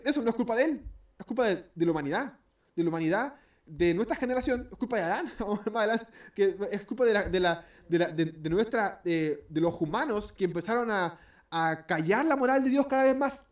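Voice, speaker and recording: A man with a Chilean accent teaching an informal Bible study, chatty and self-correcting, acting out everyday scenes as examples. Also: very high-pitched. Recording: voice distant from the mic.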